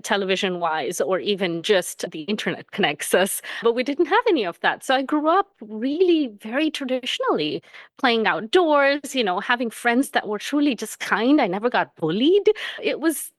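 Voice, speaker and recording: A woman from Tanzania, a coach, talking as a guest on a podcast, warm and quick to laugh. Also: on the high side, sing-song, dry recording, clean studio sound. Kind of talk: podcast interview.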